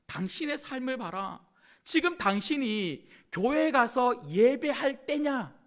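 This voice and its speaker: A sneering skeptic, as a preacher acts him out, fires mocking questions one after another. His voice climbs high and rings loud with disbelief. He sounds plainly incredulous throughout. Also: expressive, takes it slowly, exaggerated voice. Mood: scornful. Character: scornful skeptical man scolding a churchgoer.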